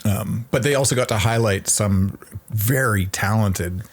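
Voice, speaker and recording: Low-voiced easygoing male co-host. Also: a little slow, husky. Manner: easygoing, agreeable, lots of "yeah". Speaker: podcast co-host. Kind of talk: casual chat.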